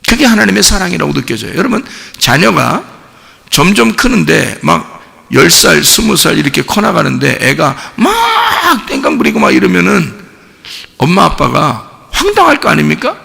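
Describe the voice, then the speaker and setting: Gravelly, high-pitched preaching man. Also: a little slow, long reverb tail. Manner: animated preaching, acts out quoted voices; rises to shouting at climaxes. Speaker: pastor. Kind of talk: sermon. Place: church sanctuary.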